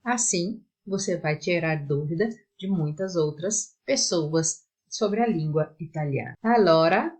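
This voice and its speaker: A woman teaches Italian pronunciation to camera, taking her time over every word. Her voice is a little husky and sits on the lower side. Her pitch rises and falls a lot as she explains. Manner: slow, careful, lively explaining. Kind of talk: language lesson to camera.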